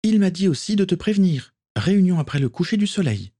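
A composed young Japanese woman from a pirate tale, voiced by a male narrator, speaking in short, even phrases. The voice is raised well above his usual register. It sounds like a storybook reading. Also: sits high, brisk, pitched above the performer's own voice.

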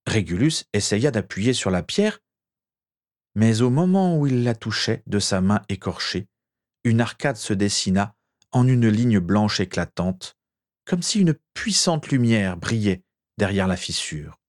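A man reading a story aloud with measured, expressive narration. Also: on the low side.

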